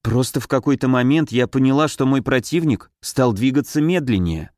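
A man's voice: medium pitch, normal speed, a little mellow, no echo, studio quality, natural voice. A man voicing a bewildered young woman fighter in an audiobook. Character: confused young woman, fire mage.

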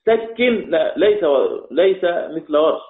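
A man's voice: medium pitch, moderate pace. Man, recitation teacher, patient quizzing explainer, phone-like sound in a roomy space. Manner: explains step by step, quizzing students. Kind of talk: online class explanation. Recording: tinny phone-like line, echoey room.

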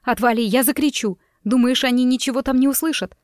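A woman's voice: sits high, a little fast, darkish tone, dry recording, voice pushed up, natural voice. A frightened young bride , played by a woman reader, pushes back with a trembling, pleading voice. The audiobook sound is dry and close, with no room around it. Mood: defiant. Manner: shaky, pleading.

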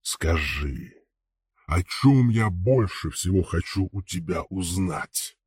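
Figure: ancient weary dragon. Pitch: very low. Quality: husky. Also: male voice, lively intonation, a little mellow, no echo, clean studio sound, heavily acted. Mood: aloof. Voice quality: husky, deep and distant timbre. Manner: slow, questioning, aloof. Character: ancient brooding male dragon, huge and weary. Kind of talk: audiobook character voice.

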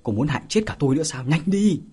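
A man voicing a quick-witted, reckless young male swordsman who speaks in urgent, pleading bursts. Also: mid-range voice, lively intonation, breathy edge.

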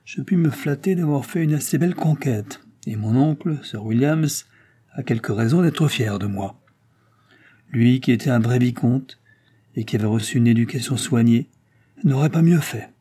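A man reading aloud, voicing a cocky young bandit posing as a gentleman. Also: medium pitch, normal speed, natural voice. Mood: smug. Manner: smug, boastful. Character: young male dandy bandit, cocky and scheming.

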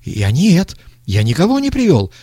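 A jittery young thug, his voice pitched up and wavering, as a male narrator plays him. He blurts out boasts and excuses in a storybook reading. The sound is dry and close. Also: normal speed, no room sound. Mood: terrified. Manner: high-pitched, excitable, stammering excuses.

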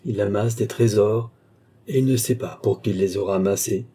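A man voicing a male pastor who reads funeral scripture slowly and solemnly. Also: on the low side, warm tone, husky. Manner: slow, solemn liturgical reading.

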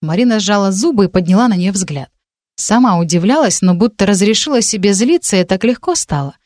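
A woman's voice: medium pitch, animated, brisk, darkish tone, dry recording, clean studio sound. Woman narrating a fantasy story. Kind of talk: audiobook narration.

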